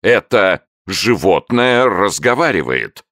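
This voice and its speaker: A stern, blustering zoo director, as a man puts him on, pitched higher than the narrator and booming out his lines. His voice keeps a gravelly edge and swings widely between notes. It is a storybook figure with dry close sound. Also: big pitch swings, slow pace, no echo, full character voice. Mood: outraged. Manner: loud, commanding outbursts. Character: stern, easily startled male zoo director.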